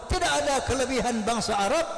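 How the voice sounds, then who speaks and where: A man, preaching a lively sermon in a mosque and breaking into chanted Arabic recitation. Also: very high voice, quick pace. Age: 70s. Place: mosque prayer hall. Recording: roomy hall with long echo.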